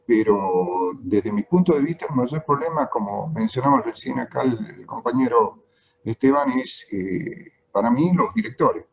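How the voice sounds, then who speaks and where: A man's voice: medium pitch, normal speed, creaky, a little hiss or hum. A middle-aged man with a Tucumán accent from Argentina, a technical teacher speaking earnestly in an online meeting, his voice breaking up over a bad connection. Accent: Argentine Spanish, Tucumán. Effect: breaking up over a bad video-call connection. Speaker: technical education teacher, call participant. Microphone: video call. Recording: dull, choppy video-call audio.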